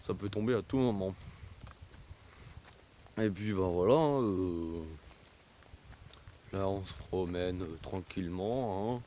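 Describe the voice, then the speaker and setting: Slow, rambling man outdoors. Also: low-pitched, dark tone. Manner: hesitant, full of fillers and trailing "voilà, hein". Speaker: vlogger. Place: outdoors on a country path in a village. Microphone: phone on a pole held while walking. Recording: faint rural outdoor noise.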